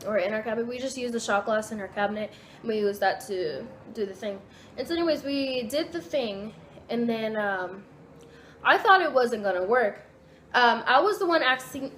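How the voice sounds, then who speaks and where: A young woman telling a storytime vlog from her home kitchen, rambling and excitable, with lots of fillers and restarts. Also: on the high side. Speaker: vlogger.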